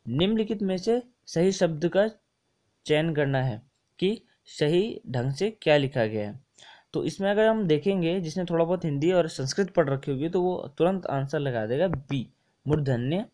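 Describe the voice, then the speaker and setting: A man's voice: on the high side, expressive, moderate pace, warm tone. Chatty young male exam tutor. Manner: chatty and repetitive, mixing English words into Hindi, often saying ठीक है. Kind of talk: casual screen-share lesson explaining test answers.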